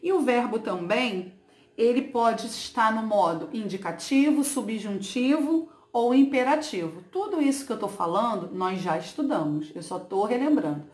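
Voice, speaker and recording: A woman's voice: medium pitch, darkish tone, echoey room. A woman teacher going over a lesson for her pupils, explaining patiently and often checking in to make sure they follow. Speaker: schoolteacher. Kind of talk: recorded remote lesson for pupils.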